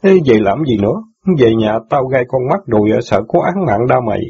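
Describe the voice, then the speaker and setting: A man's voice: mid-range voice, expressive, a little fast, husky. A man voicing an angry, heartbroken young newspaper boy who pours out his grievances in an audiobook drama. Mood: aggrieved. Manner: bitter, aggrieved outbursts. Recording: dull lo-fi audio.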